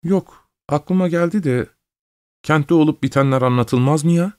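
A man's voice: fairly high pitch, moderate pace, darkish tone, clean tone, no echo, studio quality, pitched above the performer's own voice, close to an everyday voice. A man voicing a spiteful old woman housekeeper who needles her master with gloating remarks.

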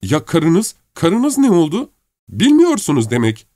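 A man voicing a distraught young noblewoman who cries out in a raised, high voice. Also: huge pitch swings, a little slow, dark tone, dry recording, studio quality. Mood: shocked. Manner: high, crying out in shock. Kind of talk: audiobook character voice.

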